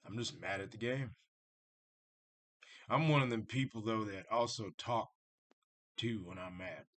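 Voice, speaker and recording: Low-voiced man rambling to camera. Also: a little slow, a bit bright. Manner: rambling, circling back on himself with restarts; blunt and conversational, addresses viewers directly. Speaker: vlogger talking about Satanism. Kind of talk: casual unscripted monologue.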